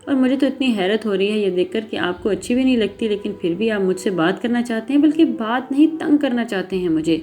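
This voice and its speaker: A woman's voice: mid-range voice, animated, hardly any pauses, mellow, close to an everyday voice. A woman voicing a spirited young heroine in a story reading, talking with indignant, emotional force. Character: spirited young woman, proud and quick to anger. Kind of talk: audiobook character reading.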